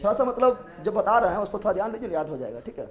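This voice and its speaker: A man's voice: sits high, very animated, echoey room. A male teacher, leading a classroom lecture with call-and-response drills and teasing his students. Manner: repeats questions rapidly, teasing and joking with students. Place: classroom with students, streamed live online.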